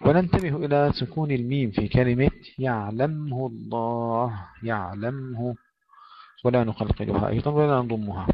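A man teaching Quranic recitation rules, stopping to recite verses slowly and spell out how each sound is made. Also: mid-range voice, a little hiss or hum. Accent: Arabic. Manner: slow deliberate demonstration of pronunciation, drawn-out recited words. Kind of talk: tajweed lesson with recited verses. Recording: dull lo-fi recording.

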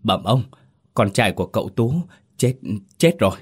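A man's voice: lowish voice, animated, moderate pace, husky. A man voicing a frightened young male servant who stammers out bad news. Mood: panicked. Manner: trembling, breathless reporting.

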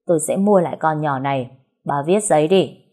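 A man's voice: on the high side, a little fast, mellow. A woman voicing a spoiled, cowardly young rich man who barks orders and threatens. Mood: commanding. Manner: bossy, threatening.

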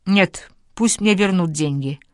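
A woman voicing a domineering, furious general's wife with a low booming voice, in a dry recording. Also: a little slow, dry recording, natural voice. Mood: raging. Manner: low booming voice, raging and scornful.

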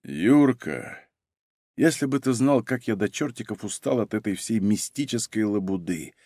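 A man's voice: on the high side, a little fast, darkish tone, dry recording, studio quality, close to an everyday voice. A man reading aloud, voicing a stern, weary male police detective who growls and barks orders.

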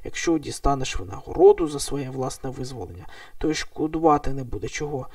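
A man narrating an audiobook of a novel, reading the dialogue with lively rises for exclamations. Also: medium pitch, fairly quick, no room sound, far from the mic. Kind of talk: audiobook narration of a novel, voicing all characters.

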